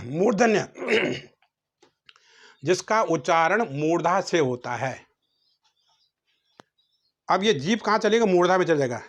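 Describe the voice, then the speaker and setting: A man teaching a grammar lesson, sounding out letters one at a time and asking questions he then answers himself. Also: on the high side.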